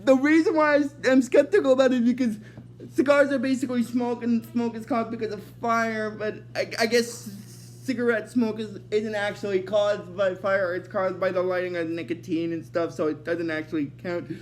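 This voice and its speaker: High-voiced rambling man recapping an episode. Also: level tone, normal speed, slight background noise. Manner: rambling, leans heavily on "basically" and restarts. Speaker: host of an episode recap series. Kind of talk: casual unscripted episode recap.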